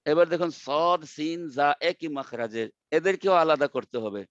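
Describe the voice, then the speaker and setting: A man teaching Quran pronunciation in an online class, drilling letters slowly and repeating them over and over. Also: on the high side, expressive, dry recording, highs cut off. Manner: slow, drawn-out letter drills with repetition. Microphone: video call.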